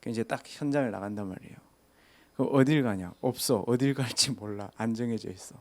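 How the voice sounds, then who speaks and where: A man's voice: medium pitch, fairly quick. Chatty man preaching. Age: 30s. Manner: casual, chatty, asks listeners rhetorical questions. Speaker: pastor. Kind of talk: storytelling sermon.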